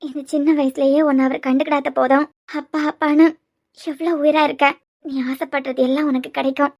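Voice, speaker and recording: A woman's voice: sits high, little pitch movement, fairly quick, a little mellow. A woman voicing a protective, secretive young woman in a cartoon with a Kanyakumari Tamil accent, speaking in a coaxing, earnest way.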